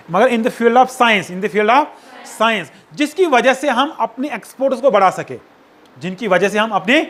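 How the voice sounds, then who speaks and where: A man's voice: extremely high pitch, a bit bright. A man giving a sociology lecture, often checking that students follow and mixing in English phrases. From Kashmir. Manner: checks understanding with repeated tag questions, mixes in English phrases. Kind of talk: classroom lecture.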